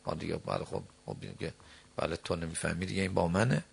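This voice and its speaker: A middle-aged man delivers a sermon in a gravelly, fairly low voice. He recites lines of verse and scripture slowly, then explains them, breaking into quick asides. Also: very animated. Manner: shifts between slow deliberate phrases and quick asides. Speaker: preacher.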